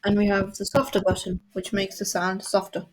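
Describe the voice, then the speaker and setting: In a very noisy screen-recorded tutorial, a woman coding tutor explains a software tool step by step. She talks fairly quickly in a monotone, mid-range voice.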